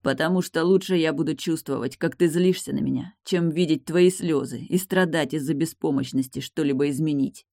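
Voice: mid-range voice, brisk, few pauses, mellow, no room sound, studio quality, lightly acted. A narrator voicing a brash, stubborn man who talks bluntly and teasingly in an audiobook. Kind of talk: audiobook character voice.

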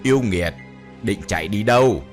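A man voicing a calm, stern old male exorcist who talks in a cold, commanding way. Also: deep voice, normal speed, faint music behind, pitched below the performer's own voice. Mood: menacing.

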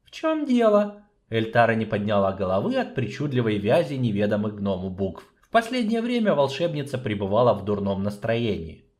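A man reading a fantasy novel aloud in a measured storytelling way. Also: on the low side, big pitch swings, darkish tone. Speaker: audiobook narrator. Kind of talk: scripted narration.

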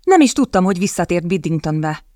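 A woman's voice: fairly low pitch, big pitch swings, dark tone, dry recording, clean studio sound. A woman reading the part of a proud young lady who speaks sharply and with cutting sarcasm. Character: young woman, proud, quick-witted, indignant.

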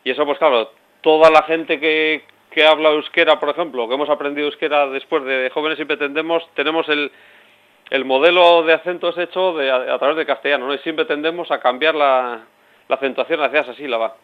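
Fast-talking man explaining on local radio. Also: a little high, steady tone, clean tone. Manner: explanatory, rambling with restarts. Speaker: radio guest. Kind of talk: radio interview. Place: radio studio. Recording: dull lo-fi radio audio.

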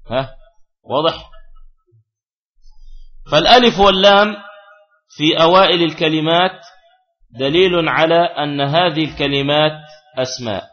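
A man's voice: fairly high pitch, highs cut off. A man teaching a classical grammar lesson, who repeats key phrases and puts questions to his students.

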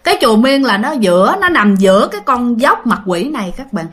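A woman's voice: a little high, very animated, brisk, fairly bright tone. A woman with a Southern Vietnamese accent casually telling a ghost story, chatting to listeners with fillers and repeats.

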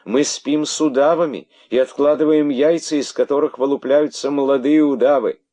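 A man's voice: fairly high pitch, steady tone, moderate pace, warm tone, voice pushed up, close to an everyday voice. A man reading aloud as a chorus of female boas answering their king in a raised, pleading voice. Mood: earnest.

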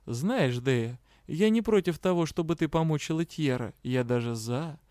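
A man's voice: a little high, animated, moderate pace, mellow, dry recording, studio quality, natural voice. A man reading an audiobook, voicing a stern, jealous female academy curator.

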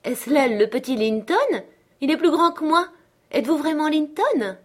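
A woman voicing an impulsive, affectionate teenage girl who asks eager, excited questions, in an audiobook. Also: a little high, normal speed, pitched above the performer's own voice. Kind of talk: audiobook character reading.

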